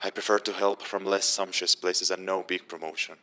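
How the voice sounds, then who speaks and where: A man delivering an earnest scripted speech in a measured, restrained way. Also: low voice, level tone, bright, forceful tone. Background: music.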